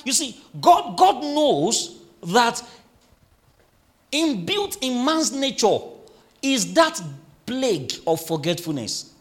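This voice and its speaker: A male pastor with a high voice preaches a sermon, reading scripture slowly and emphatically and drawing the congregation into call-and-response.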